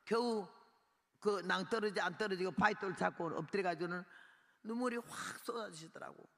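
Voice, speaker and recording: A woman's voice: medium pitch, moderate pace. A woman missionary preacher giving a dramatic sermon testimony, acting out her own cries and prayers. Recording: reverberant hall sound.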